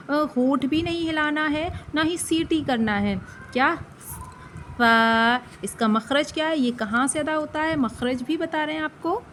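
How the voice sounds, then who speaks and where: A woman with a high voice and a Pakistani Urdu accent teaches a patient, step-by-step recitation lesson. She sounds out each letter slowly and asks questions back to the listener, with a faint hiss under her voice. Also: fairly bright tone. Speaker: Quran reading teacher.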